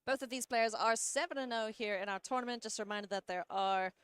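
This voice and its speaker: A woman's voice: fairly high pitch, fast talker, fairly bright tone, clean tone, dry recording. Woman, game commentator, playful, laughs easily, dry close-miked sound. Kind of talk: live play-by-play commentary.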